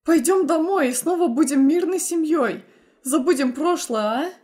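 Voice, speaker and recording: A woman's voice: high-pitched, moderate pace, a little mellow, pitched above the performer's own voice, natural voice. A woman voicing a smug young ex-husband who coaxes and mocks in a storybook reading. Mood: coaxing mocking. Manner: mocking, coaxing.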